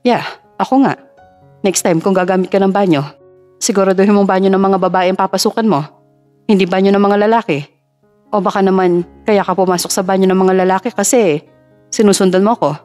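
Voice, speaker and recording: A woman's voice: mid-range voice, fairly even intonation, fairly quick, long pauses, darkish tone, soft background music, pitched below the performer's own voice, lightly acted. Woman doing a smug young playboy. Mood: mocking. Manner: mocking, drawling.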